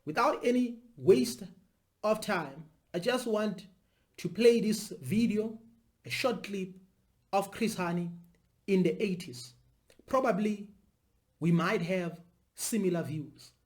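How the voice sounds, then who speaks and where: A commentator talks to viewers without a script. The delivery is deliberate and repetitive, with emphatic phrasing at an ordinary, medium pitch. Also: a little mellow. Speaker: video commentator. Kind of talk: unscripted spoken commentary.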